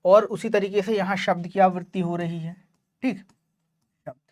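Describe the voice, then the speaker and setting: A woman teacher gives an online lecture in Hindi, her medium-pitched voice fairly even, measured and a little mellow. She explains patiently, checks in often, and affectionately calls her students child.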